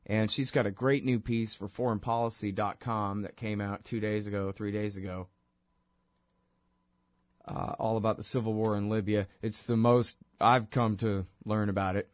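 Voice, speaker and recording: Here a podcast host with a stuffy head cold talks through his talk-show segment alone, sarcastic and meandering. His voice is lowish with little pitch movement, his pace is normal, and there's no room sound at all.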